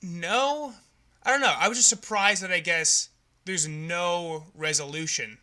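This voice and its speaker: A young man with a very bright, slightly high voice, talking through a movie review in loose, frank podcast chatter. He laughs easily and keeps it casual. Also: measured pace. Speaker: podcast co-host.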